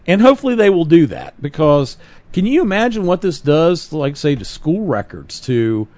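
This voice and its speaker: A man's voice: a little high, big pitch swings, moderate pace, darkish tone, dry recording. A man co-hosting a political talk podcast, speaking earnestly and emphatically, often correcting himself mid-sentence. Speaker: podcast co-host. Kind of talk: political talk radio chat.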